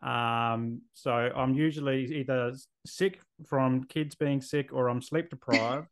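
A man in his thirties with an Australian accent hosts a casual podcast interview, friendly and chatty. He asks questions sprinkled with fillers, speaking slowly in a mid-range voice with fairly even intonation.

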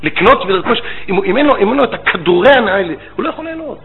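Animated man lecturing on a tinny line. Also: sits high. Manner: animated storytelling with rabbinic phrasing. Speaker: rabbi and educator. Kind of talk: religious lecture. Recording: tinny phone-like line with faint noise.

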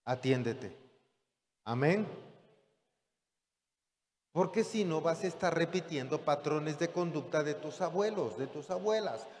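A male pastor preaches in a casual, conversational way and keeps asking his listeners whether they follow him. His voice sits a bit high for a man, and a long reverb trails behind it. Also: animated, measured pace, pauses often, darkish tone. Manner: conversational preaching, rhetorical questions to the congregation. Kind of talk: sermon.

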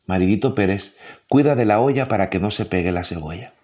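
A man's voice: on the low side, a little fast, darkish tone, dull audio, close to an everyday voice. A man doing a coy little cockroach lady. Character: vain sweet female cockroach, coy and tearful.

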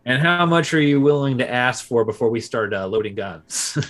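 A man co-hosting a history podcast in a relaxed, casual way, with frequent filler pauses. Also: medium pitch. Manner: relaxed, many filler uhs. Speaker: podcast co-host.

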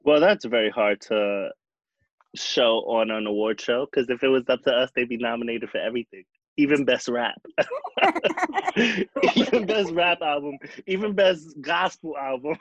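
A man who is a guest on a casual fan chat, talking in a relaxed, chatty way. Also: medium pitch, moderate pace, no room sound. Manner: relaxed, chatty, with fillers and laughs. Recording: dry, dull lo-fi audio.

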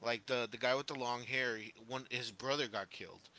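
Bright-voiced rambling man. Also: mid-range voice, steady tone, fairly quick. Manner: rambling, heavy on fillers, laughs often. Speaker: podcast co-host. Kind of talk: casual movie review chat.

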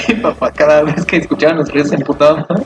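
A man's voice: on the high side, steady tone, quick pace, poor audio. A man with a Mexican accent telling a family story in casual, slangy chat, laughing as he goes.

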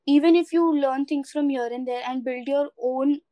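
A woman's voice: high-pitched, steady tone, moderate pace, warm tone, no room sound. A woman with an Indian accent chatting casually and reflectively in an earnest, encouraging way, slipping between English and Hindi. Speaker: podcast co-host.

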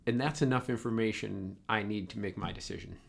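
A man's voice: on the low side, fairly quick, vocal fry, husky. A man with a Boston accent interviewing in a casual, conversational way, thinking aloud and checking his points as he goes.

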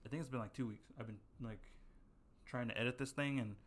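A young man co-hosting a podcast tells a long, rambling story in casual chat, packed with fillers and restarts. He talks fast in a mid-range voice with fairly even intonation.

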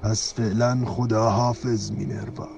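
A man voicing an old, wise male wizard headmaster in a radio play, speaking softly and kindly. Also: on the low side, little pitch movement, vocal fry, slight background noise. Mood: gentle solemn. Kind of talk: Persian radio-play acting. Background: faint music.

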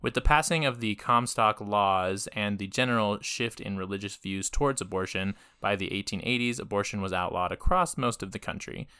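Podcast co-host, a guy with a lowish, crisp, bright voice, easygoing and sweary. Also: a little fast, few pauses, no echo, studio quality. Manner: laid-back, swears often, laughs a lot. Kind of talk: casual history podcast chat.

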